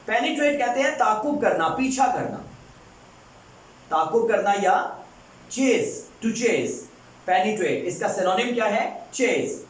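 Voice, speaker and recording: A man teaching English pronunciation to students, explaining fast and then saying the example words slowly and drawn out. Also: sits high, a little hiss or hum. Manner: switches between fast Hindi-Urdu explaining and slow drawn-out English examples. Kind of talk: classroom lecture on pronunciation. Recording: echoey room, voice far from the mic.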